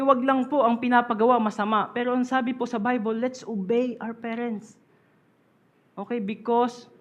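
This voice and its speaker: A pastor in his thirties preaching a sermon in a church hall, switching between Tagalog and English, often asking the congregation questions and rising to loud emphasis. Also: high-pitched. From Philippines.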